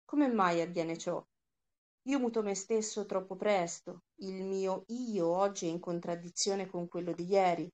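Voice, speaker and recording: A troubled young man pours out an earnest confession of envy and loneliness, read aloud by a woman. The voice sits slightly low and keeps a steady reading pace, in the manner of a storybook reading. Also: lightly acted.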